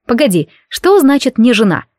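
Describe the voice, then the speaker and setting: Woman voicing a sharp-tongued young heroine. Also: fairly high pitch, big pitch swings, moderate pace, no room sound, pitched above the performer's own voice. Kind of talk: audiobook character reading.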